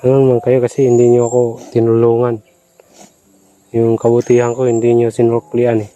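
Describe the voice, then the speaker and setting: A man, talking casually in a vlog, soft-spoken and pleading as he coaxes. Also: mid-range voice, monotone, brisk, highs cut off. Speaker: vlogger.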